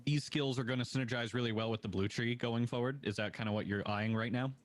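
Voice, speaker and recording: A man's voice: mid-range voice, steady tone, fast talker. A man presenting a game reveal, enthusiastic and asking his co-host questions.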